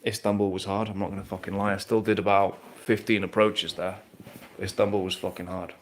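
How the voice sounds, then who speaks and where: A man's voice: sits low, level tone, brisk, slight background noise. A man, talking bluntly and casually with plenty of swearing while answering viewer questions on a live stream. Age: 30s.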